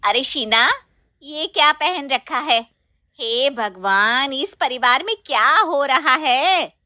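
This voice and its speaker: A woman voicing a scolding, tradition-bound middle-aged aunt-in-law in a storybook, sharp and loud with a nagging, taunting manner. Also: sits high, sing-song, slow pace, no room sound, studio quality, pitched above the performer's own voice, exaggerated voice. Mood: indignant. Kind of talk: storybook voice acting.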